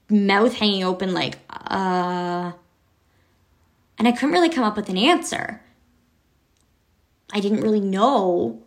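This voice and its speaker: A woman's voice: mid-range voice, gravelly, a bit bright. A woman, probably in her thirties, speaks candidly in a casual vlog, reflecting as a mother with fillers and restarts. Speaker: mother and vlogger. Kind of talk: casual personal vlog talk.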